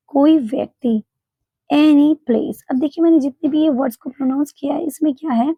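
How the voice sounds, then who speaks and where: A woman teaching English pronunciation in a spoken English lesson, explaining slowly and repeating example words. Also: high-pitched, no room sound. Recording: dull, dry, lo-fi home recording.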